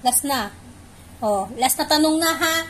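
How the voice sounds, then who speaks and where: Woman, playful pet talk, unhurried, coaxing commands, faint noise behind. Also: sits high, expressive, a bit bright. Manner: coaxing, repeats short commands. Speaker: pet owner.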